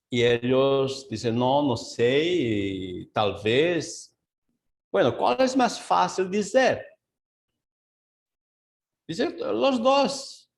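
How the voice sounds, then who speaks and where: A man serving as pastor leads a Bible study on a video call, blending Portuguese with Spanish. He speaks slowly and searchingly, with many fillers and asides, in a fairly high, gravelly voice.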